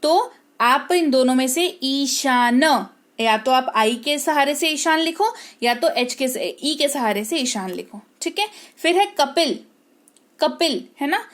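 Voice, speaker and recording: A woman teaching English spelling, speaking patiently, repeating words slowly and checking that her students follow. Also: sits high, lively intonation, fairly bright tone. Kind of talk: explaining spelling to learners.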